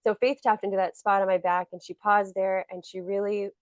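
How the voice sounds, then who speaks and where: A woman's voice: mid-range voice, level tone, brisk, no echo. A woman co-hosting a podcast in casual chat, rambling with lots of "like" fillers. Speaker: podcast co-host.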